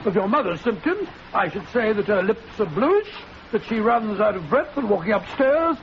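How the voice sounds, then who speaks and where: An actor playing a bluff, fussy, good-natured Victorian doctor with an English accent, spluttering in 1940s radio drama style. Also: male voice, sits high, very animated, moderate pace. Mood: obliging, professional. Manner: blustery, spluttering. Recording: muffled, noisy 1940s radio recording.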